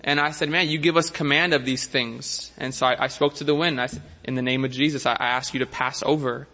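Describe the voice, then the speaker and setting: A man casually telling a faith story, self-deprecating and full of halting restarts. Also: medium pitch, fairly even intonation, pushed and bright, big-room sound. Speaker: testimony speaker. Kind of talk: faith testimony talk.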